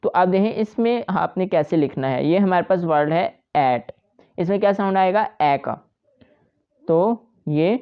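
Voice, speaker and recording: Woman teacher going thru shorthand outlines slowly, low smooth voice, kinda muffled lo-fi sound. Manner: patient, repetitive explaining to students. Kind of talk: step-by-step tutorial.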